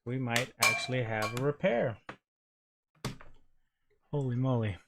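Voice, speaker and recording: A man's voice: medium pitch, measured pace, background noise. A man hosting a console repair stream, chatting casually and muttering to himself while he works, with casual swearing. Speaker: repair channel host.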